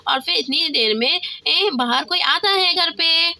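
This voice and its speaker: A woman narrating a doll-play story, addressing viewers as friends in a lively way. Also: very high voice, measured pace, vocal fry, no echo.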